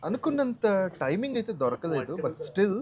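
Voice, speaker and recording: A man's voice: high voice, big pitch swings, normal speed. A man with a Telugu accent giving live cricket commentary, mixing in English phrases. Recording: crowd noise behind the voice. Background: crowd at a cricket ground.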